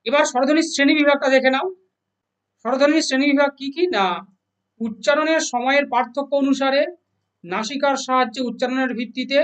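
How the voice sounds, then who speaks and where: A teacher leads an exam-prep grammar lesson at an unhurried, patient pace. Questions are posed and then answered, and every definition is repeated slowly. The voice sits at an ordinary middle pitch and is picked up from a little distance, so it sounds slightly removed. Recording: voice a little far from the mic.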